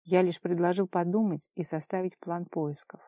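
A woman's voice: fairly low pitch, fairly even intonation, moderate pace, dark tone, no room sound, studio quality, close to an everyday voice. A woman reading an audiobook voices a sardonic young man who speaks with irony and weary exasperation. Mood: exasperated. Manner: ironic, mocking then tender.

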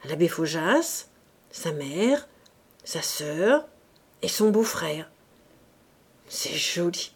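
A woman doing a dry, ironic gentleman. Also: lowish voice, very animated, drawn-out words, pauses often, breathy edge, full character voice.

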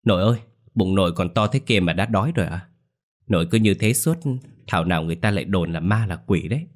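A man's voice: deep voice, fast. A man voicing a young grandson, uneasy and hesitant around his grandmother.

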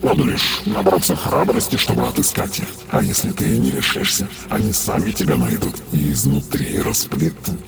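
A man voicing a sinister, mocking female dark sister in an audiobook, speaking slowly and taunting. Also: on the low side, huge pitch swings, gravelly, over music, full character voice.

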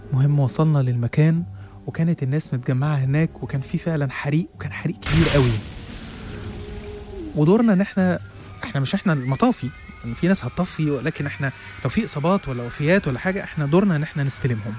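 A man with an Egyptian accent narrating a first-person horror story in a rapid, suspenseful way. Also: fairly high pitch, a little mellow, faint music behind. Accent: Egyptian Arabic. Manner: rapid, suspenseful, with small restarts.

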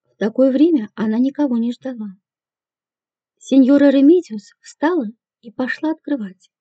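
A woman narrating an audiobook in a measured, even reading voice. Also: high-pitched, husky, dry recording. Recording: dull, dry lo-fi recording.

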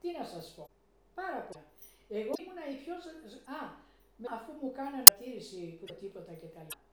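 A woman's voice: a little high, heavy reverb, heavy background noise. An older Greek woman telling an oral history of her working life, acting out the voices of the people she quotes. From Greece. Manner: animated, acts out the voices of people in her stories. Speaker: interviewee recounting her life.

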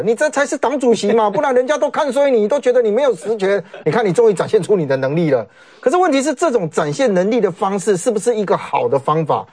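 A man with a Taiwanese Mandarin accent talks quickly, with a pitch that leaps up and down. He is a political commentator on a talk show, animated and sarcastic, often imitating other people's words.

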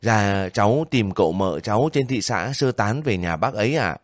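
A man's voice: fairly low pitch, lively intonation, normal speed, no echo, clean studio sound, close to an everyday voice. A man voicing a young soldier on leave who pleads and questions anxiously in a spoken story. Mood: polite. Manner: anxious, breaking voice.

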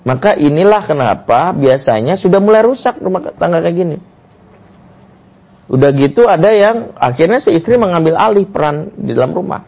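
Expressive preacher, lively pitch. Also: male voice, vocal fry, breathy edge. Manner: expressive storytelling with frequent "ya". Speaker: Islamic lecturer. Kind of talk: religious family lecture.

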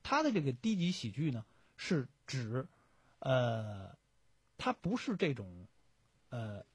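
A man, a radio host retelling a story in a lively way with many fillers. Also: medium pitch, takes it slowly, slightly rough, no echo. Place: radio studio.

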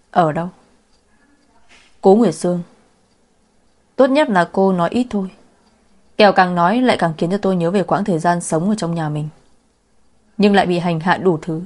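A woman voicing a sharp-tongued young woman who taunts her family, in a storybook reading. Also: lowish voice, close to an everyday voice. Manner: taunting, sarcastic.

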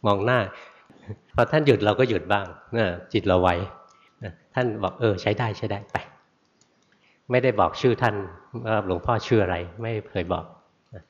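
A man, a Buddhist monk, telling a story in a relaxed sermon, often adding soft tag words, on a dull lo-fi recording in a sermon hall. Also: lowish voice. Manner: relaxed storytelling with frequent "na" tags.

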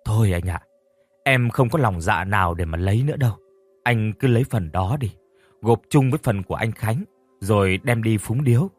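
A man voicing a young husband who hides a secret, speaking low and subdued to others and gleefully at home, in an audio storybook. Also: lively intonation, normal speed, no echo, soft background music.

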